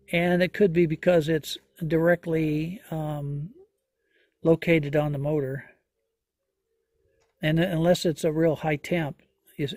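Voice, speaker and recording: A man doing a hands-on repair walkthrough outdoors, talking slowly and folksily with many fillers as he thinks aloud. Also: a little high, darkish tone, no room sound. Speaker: homesteader vlogger. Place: outdoors in a yard.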